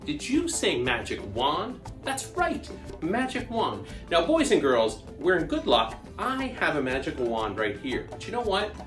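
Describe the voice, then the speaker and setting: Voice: medium pitch, huge pitch swings, a little slow, reverberant, over music. A children's magician hosting an interactive party-style magic show, exclamatory and playful, coaxing young viewers into call-and-response.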